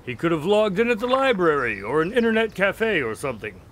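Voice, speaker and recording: A man playing an eager, talkative doctor who is a detective's sidekick in an audio drama, animated and keen to explain. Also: high voice, fairly quick. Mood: speculating.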